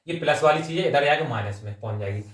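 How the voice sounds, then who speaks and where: Quick-paced and expressive, this man's voice sits on the high side as he teaches an exam-coaching maths lesson, working sums aloud step by step. He weaves English number words and terms into his talk and keeps checking in with short tags. The sound is echoey and distant.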